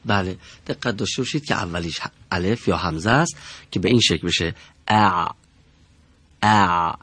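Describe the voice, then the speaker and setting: A middle-aged man teaching a pronunciation lesson in a studio, speaking slowly, formally and deliberately. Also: low voice, animated, a bit bright, breathy edge, no room sound.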